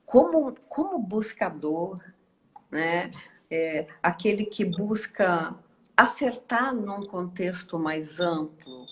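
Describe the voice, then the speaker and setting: A woman, hosting a reflective live online talk in a slow, musing way with many hesitations and tag questions. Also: on the low side, animated, a bit bright, low-quality recording. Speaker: host.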